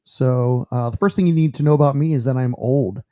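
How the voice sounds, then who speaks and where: A man of about fifty from New York, a teacher narrating a slideshow about himself in a relaxed, rambling way with lots of fillers. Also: medium pitch, brisk. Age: 50s.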